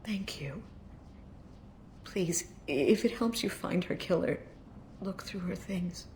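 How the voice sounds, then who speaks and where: A woman's voice: fairly low pitch, unhurried, a little mellow, a little hiss or hum, lightly acted. A woman playing a despairing middle-aged mother grieving her murdered daughter in a game, speaking sadly with tearful sighs. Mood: sad, sighing. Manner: sad, sighing, tearful. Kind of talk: game voice acting, dramatic dialogue.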